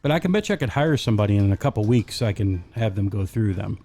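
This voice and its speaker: A man's voice: fairly low pitch, expressive, fast talker, mellow. Guy cohosting a chatty podcast, jokey and rambling, faint music under it. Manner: joking, rambling, lists things off. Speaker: podcast co-host. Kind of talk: casual chat. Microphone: webcam setup.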